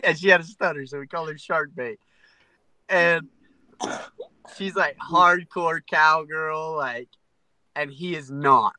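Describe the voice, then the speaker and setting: This young man has a bright, forceful voice recorded close and dry. He tells crude stories in casual banter, cutting in with quick remarks and swearing. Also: a little high, no room sound, rough recording. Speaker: podcast co-host.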